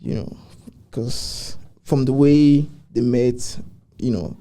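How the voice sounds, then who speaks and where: A man, a podcast guest telling a story in a casual chat, animated and laughing often. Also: mid-range voice, takes it slowly.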